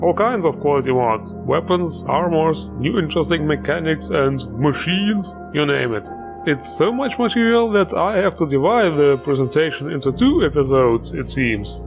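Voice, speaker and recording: A man's voice: a little high, lively intonation, normal speed, gravelly, over music. A man hosting a game mod showcase, upbeat and joking, with plenty of enthusiasm. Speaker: host.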